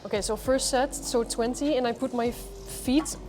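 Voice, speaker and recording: A woman's voice: fairly high pitch, steady tone, normal speed, a little mellow. A woman hosting a casual vlog in a gym, chatting as she tries out a workout. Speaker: vlog host trying a workout. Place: indoor gym.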